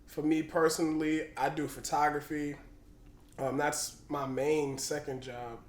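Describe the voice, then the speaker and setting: A man with a somewhat high voice talks as a podcast co-host. His delivery is loose, slangy and conversational. The recording has a clear room echo. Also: little pitch movement, measured pace, a little hiss or hum. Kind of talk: casual podcast chat. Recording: roomy, echoing sound.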